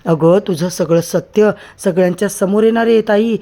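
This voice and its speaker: Guy reading as a drunk loud uncle, yelling at his sister, dark voice. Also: high voice, moderate pace. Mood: drunk, accusing. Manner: loud, accusing. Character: drunk middle-aged man shouting at his sister.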